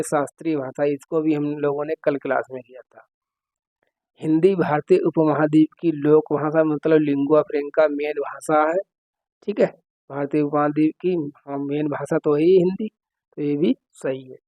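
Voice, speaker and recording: A man's voice: fairly high pitch, mellow, no echo. A man teaching an exam-prep lesson, working through questions step by step and often checking in with his students. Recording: dry, slightly dull recording.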